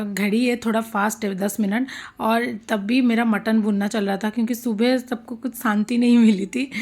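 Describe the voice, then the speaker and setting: A woman's voice: fairly high pitch, gravelly, darkish tone. A woman in her thirties, a mother and homemaker, chatting casually through a home vlog voice-over, amused and full of fillers. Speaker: vlogger.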